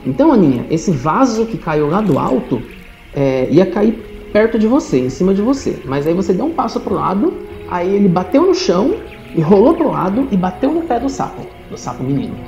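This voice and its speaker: A woman narrating as game master of a tabletop game, telling the story in a lively way. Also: mid-range voice, fairly quick, faint music behind. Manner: lively storytelling with animated rises. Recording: roomy, dull lo-fi sound.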